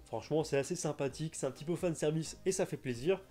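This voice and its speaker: A man's voice: fairly high pitch, quick pace, dark tone, faint music behind. A young man hosting a casual video, chatting enthusiastically with frequent hesitations. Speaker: manga news YouTuber.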